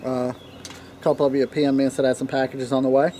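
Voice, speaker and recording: A man, chatting casually and unhurriedly, with pauses, as he rambles through a pipe tobacco review. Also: medium pitch, level tone, noisy background. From Tennessee, United States. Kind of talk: casual vlog chat. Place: outdoor wooden deck in a leafy yard. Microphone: camera a few feet away. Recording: outdoor ambience with birdsong. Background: birds chirping, occasional dog barking.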